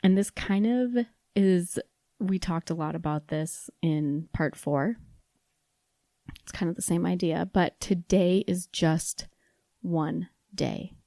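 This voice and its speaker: Podcast host, woman in her 30s, chatty and self-deprecating, warm lowish voice, dry close sound. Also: no room sound. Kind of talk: casual solo podcast talk.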